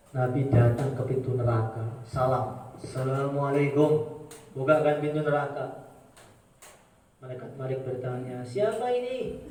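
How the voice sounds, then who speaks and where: A man's voice: on the high side, a little mellow, distant mic, slight background noise. A man preaching a sermon, telling stories dramatically, chanting Arabic phrases and voicing the characters. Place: mosque or prayer hall. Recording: very echoey room, voice from afar.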